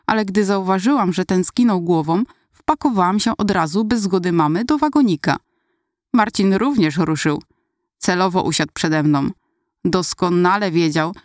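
A woman's voice: mid-range voice, no room sound, clean studio sound. Polish-reading woman narrating a memoir story. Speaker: audiobook reader. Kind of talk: first-person story narration.

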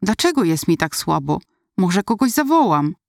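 A woman's voice: fairly low pitch, big pitch swings, normal speed, gravelly, no room sound, clean studio sound. A woman voicing a frightened, sick eleven-year-old girl in a hospital, speaking weakly and hesitantly, in an audiobook reading. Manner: weak, hesitant.

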